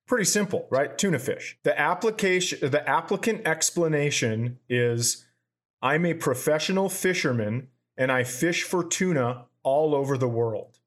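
In a casual comedy chat, a podcast co-host with a slightly high voice talks at a moderate pace. He is profane and animated in his storytelling, and his readings of submitted items are deadpan.

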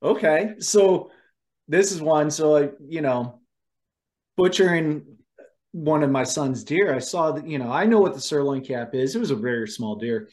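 A man hosting a casual chat, telling animated stories about cooking wild game and laughing often. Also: on the high side, moderate pace. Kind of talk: casual conversation.

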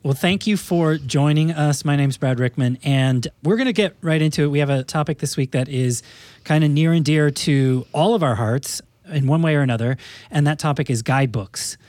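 A man's voice: a little high, moderate pace, darkish tone, dry recording. A man hosting a casual podcast chat from a studio, introducing guests in a playful, teasing manner. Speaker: podcast host.

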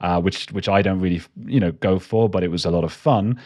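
A man with a very low, deep voice tells rambling stories as a guest, full of fillers and self-deprecating asides. His talk stays casual and loose. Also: brisk, darkish tone. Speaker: guest, documentary maker. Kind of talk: casual storytelling chat.

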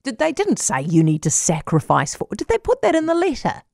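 A woman hosting a radio talk interview, brisk and outspoken. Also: fairly high pitch, huge pitch swings, vocal fry, darkish tone, no echo, clean studio sound. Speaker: radio host.

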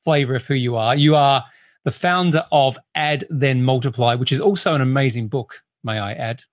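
Here a man hosts a business podcast interview, speaking with an Australian accent blended with English and American influences. He is enthusiastic and chatty, laughs easily, and talks at a normal speed in a medium pitch. The audio is studio quality with no echo.

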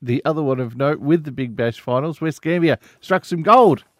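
A man's voice: fairly high pitch, normal speed, no echo. An Australian man hosting a conversational sports segment for a radio podcast.

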